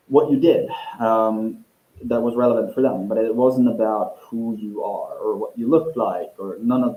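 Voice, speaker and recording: This tech company CEO from Norway speaks in a fairly low, dark voice during a relaxed interview held over an echoey video call. His delivery is reflective, marked by restarts and lingering, drawn-out phrases.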